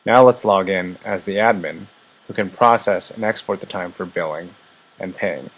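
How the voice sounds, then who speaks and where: In a scripted software demo, a man narrates a product walkthrough at a moderate pace. His fairly low voice carries a noticeably husky, unpolished edge.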